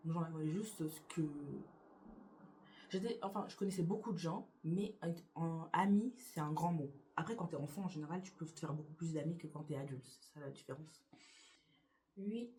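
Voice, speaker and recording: Young woman chatting in a hesitant, low-pitched voice. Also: normal speed, warm tone, slight background noise. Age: young adult. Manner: hesitant, many fillers and restarts. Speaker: YouTuber. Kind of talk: casual get-to-know-me tag chat. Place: her bedroom beside a window.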